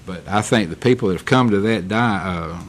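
A middle-aged county commissioner makes remarks at a public meeting in a meeting chamber, speaking candidly and rambling a bit like a storyteller who corrects himself. His voice is fairly low and a little fast, with a little hiss or hum on the recording.

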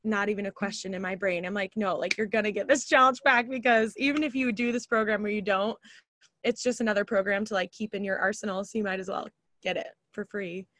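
A woman's voice: mid-range voice, steady tone, quick pace, a bit bright, dry recording. A woman coaching her team on a video call, chatty and upbeat with lots of filler words, a little tired from short sleep.

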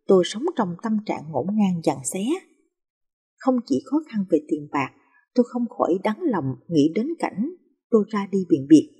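A woman narrating emotional life stories in a soft, feeling storytelling manner. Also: fairly low pitch, slightly rough.

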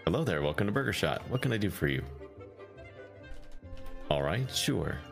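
A man role-playing a fast-food counter worker, with friendly service patter. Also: deep voice, very animated, creaky, soft background music. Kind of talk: in-character role-play chat.

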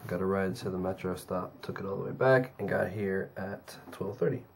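A young man talking to his own camera in a casual daily vlog, rambling with fillers, hoarse and tired from a cold. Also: moderate pace, a little hiss or hum. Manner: low-key, rambling with fillers. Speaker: vlogger.

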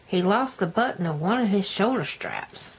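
A woman's voice: mid-range voice, expressive, moderate pace, slight background noise, lightly acted, poor audio. An older woman voicing a tired, practical mother in a sighing, grandmotherly storybook manner. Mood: weary refusal. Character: tired, practical mother gently refusing her child.

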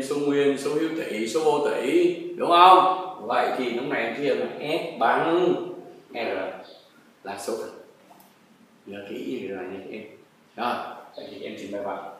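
A man's voice: mid-range voice, a little slow, a bit bright. A man teaching a textbook math lesson, coaxing pupils along with frequent tag questions. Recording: very echoey room, distant mic, faint noise.

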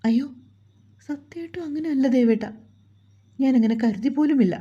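A woman's voice: high voice, normal speed, husky, muffled recording, pitched above the performer's own voice. A woman voicing a timid young mother. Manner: soft, apologetic.

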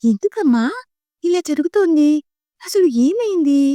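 A woman voicing a curious, frightened six-year-old girl in a high, childlike questioning voice. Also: lively intonation, unhurried, warm tone, dry recording. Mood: anxious questioning.

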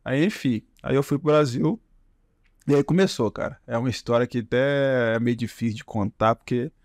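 A man's voice: medium pitch, moderate pace, a little mellow, dry recording, clean studio sound. A Brazilian man with a Brazilian Portuguese accent, a podcast guest telling his story in a rambling, casual way full of tag questions. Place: podcast studio.

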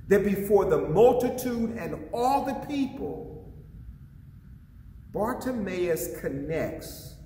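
High, lively preaching man in a hall. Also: a little hiss or hum. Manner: impassioned preaching with rhetorical questions to the listeners. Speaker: associate pastor. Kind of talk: sermon. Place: church sanctuary. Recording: echoey hall, voice from a distance.

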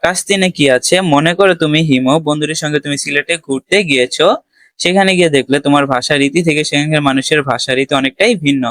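A man's voice: a little high, fast talker, fairly bright tone, no echo. Man teaching schoolkids, dry close voice. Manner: talks students through answers, asks and answers his own questions. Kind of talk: exam-prep lesson for schoolchildren.

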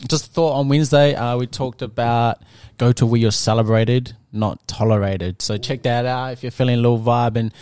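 A man's voice: mid-range voice, fairly even intonation, normal speed, few pauses, darkish tone, clean tone. A man hosting a casual podcast, talking in a laid-back, rambling way with lots of fillers on a close mic. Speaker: podcast host.

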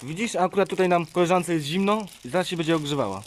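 Higher-voiced man hosting a vlog, teasing and pushy, some faint background noise. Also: lively intonation, fast. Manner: teasing, pushy, laughs a lot. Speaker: vlogger hosting. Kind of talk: casual chat.

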